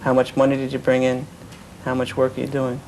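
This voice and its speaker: A man's voice: medium pitch, monotone, fairly quick, darkish tone, a little hiss or hum, low-quality recording. Man recounting his past in earnest. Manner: earnest storytelling, quoting others. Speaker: interviewee. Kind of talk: personal account of cult experience.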